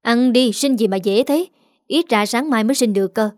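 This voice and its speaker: A woman's voice: fairly high pitch, moderate pace, a little mellow, no room sound, studio quality, lightly acted. Woman doing a bossy, dismissive mother-in-law. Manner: curt, scolding.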